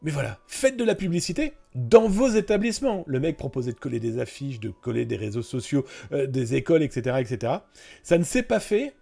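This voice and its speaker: Gravelly chatty streamer, man. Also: mid-range voice, sing-song, fairly quick, warm tone. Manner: chatty, addresses viewers directly, many fillers and asides. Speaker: host of a cybersecurity news stream. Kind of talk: casual live-stream news commentary.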